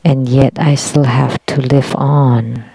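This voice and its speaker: A woman interpreting a dharma talk live, speaking in measured, halting short phrases. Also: a bass voice, fairly even intonation, creaky, dark tone, slightly rough, rough recording.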